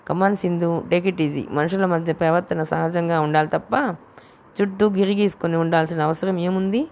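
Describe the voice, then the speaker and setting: Woman, audiobook narrator, low pitch, gravelly fry, steady storytelling, faint background hiss. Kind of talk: scripted narration of a novel, voicing all characters.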